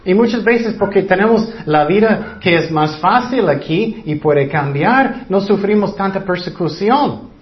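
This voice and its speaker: Male preacher, high voice, plain repetitive sermon delivery, dull lo-fi recording. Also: animated, measured pace, few pauses.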